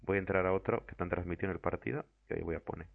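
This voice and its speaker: A rowdy man talks fast in a low voice, blurting jokes. A crowd roars behind him on a dull, lo-fi recording. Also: gravelly. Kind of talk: casual chat.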